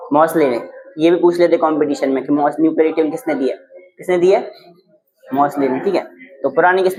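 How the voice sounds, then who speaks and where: A man's voice: sits high, poor audio. A male chemistry teacher giving a classroom lesson, explaining memory tricks and quizzing students with rhetorical questions. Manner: uses silly memory tricks.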